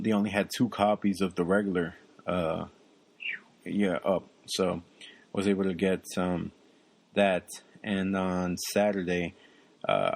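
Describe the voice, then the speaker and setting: In a casual chat, a young podcast co-host rambles in a low voice with vocal fry, stuffing his pauses with ums and uhs.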